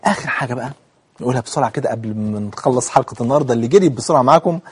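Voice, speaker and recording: A middle-aged man with an Egyptian accent giving a televised religious lesson, animated and emphatic, acting out opponents' objections. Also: mid-range voice, racing, slightly rough. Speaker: religious TV preacher.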